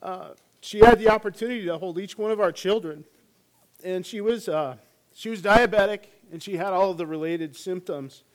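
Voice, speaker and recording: A man's voice: sits high, normal speed. A middle-aged man, a hospice chaplain, giving a sermon with jokes and stories and many fillers. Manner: joking and storytelling with frequent fillers.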